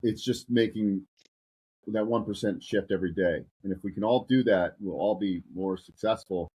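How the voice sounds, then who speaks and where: A man co-hosting a casual podcast, steady and reflective as he shares advice. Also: lowish voice, moderate pace, breathy edge, poor audio. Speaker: co-host.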